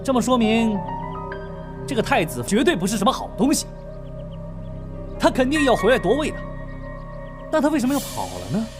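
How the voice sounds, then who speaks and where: A man's voice: very high-pitched, big pitch swings, brisk, pauses often, over music. A man playing a cocky modern young man trapped in an ancient-times game, talking boastfully and smugly in a comedy drama. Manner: boastful, smug.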